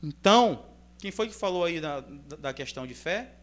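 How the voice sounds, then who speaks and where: A man with a Brazilian accent, reading scripture aloud in measured phrases and then explaining it in a loose, conversational sermon style. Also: fairly high pitch, expressive. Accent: Brazilian Portuguese. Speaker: preacher. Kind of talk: Bible reading and informal sermon commentary.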